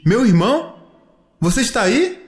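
A man voicing Adrien, an eager young boy who keeps calling out in a high voice for his father. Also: very animated, a little slow, exaggerated voice. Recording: echoey room.

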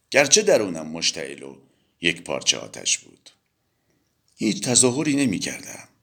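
A man giving an expressive, dramatic audiobook reading of a novel, telling the story in the first person as if to a listener. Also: deep voice, husky. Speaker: audiobook reader.

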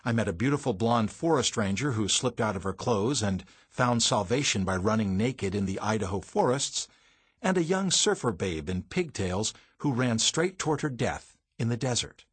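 Husky-voiced man narrating an audiobook. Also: on the low side, very animated, normal speed, no room sound. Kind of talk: first-person audiobook narration.

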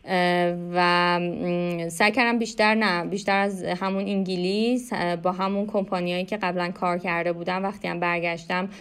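A young woman with an Iranian Persian accent talks as an interview guest. Her voice is clean and smooth, sitting a little low for a woman. She answers conversationally and reflectively, hesitating and stretching her pauses. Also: steady tone. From Iran. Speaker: interview guest, animation artist.

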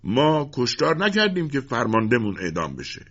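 A man's voice: medium pitch, wildly swooping pitch, fairly bright tone, lo-fi sound, pitched above the performer's own voice, heavily acted. A man voicing a loyal, passionate soldier in a storybook reading. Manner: passionate, pleading. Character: loyal gruff male soldier.

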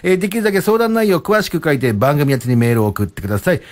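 A man's voice: on the high side, big pitch swings, racing. A man hosting a radio show, joking and teasing his guests in playful banter. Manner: playful, teasing, mock-boastful.

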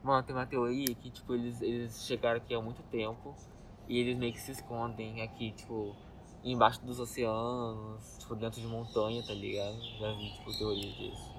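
A man's voice: medium pitch, flat delivery, a little fast, far from the mic, noisy background. A young man chatting casually and inquisitively in street slang.

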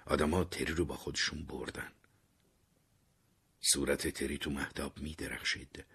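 A young man narrating a scripted story in a measured way, sometimes sinking to an unvoiced whisper. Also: very deep voice, level tone, creaky, fairly bright tone, husky. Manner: measured, dropping to unvoiced whispers in tense moments.

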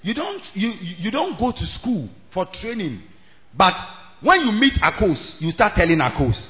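A man's voice: high voice, very animated, moderate pace. Tinny phone-like audio, ghanaian man preaching hard, mixes in twi and pidgin, voice swings up and down a lot. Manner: code-switches between English, Twi and Ghanaian pidgin; emphatic, repetitive, rising to shouts. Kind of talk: impassioned evangelistic sermon. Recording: thin phone-like sound, faint music.

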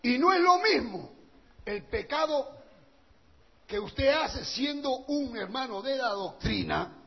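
A male pastor preaching a sermon with passion, swinging from quiet talk to shouting. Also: very high voice, lively intonation, slow, gravelly, breathy edge. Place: church hall. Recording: dull lo-fi church recording with long reverb.

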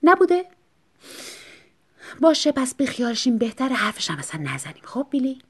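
A sarcastic, upset young wife from a storybook reading, as the narrator puts her on. Her voice rides high and lively, cutting and biting with every line. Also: husky, full character voice. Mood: cold. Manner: sharp, sarcastic, raised high voice.

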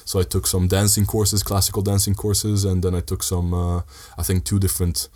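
Deep-voiced and very low, this young man speaks with flat intonation as a relaxed podcast guest. His casual chat comes out in measured, halting phrasing.

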